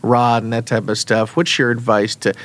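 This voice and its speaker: A man's voice: medium pitch, level tone, moderate pace, fairly bright tone. A man hosting a podcast, talking casually and asking his guest guiding questions. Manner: easygoing, asks guiding questions. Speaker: podcast host. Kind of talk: casual interview talk.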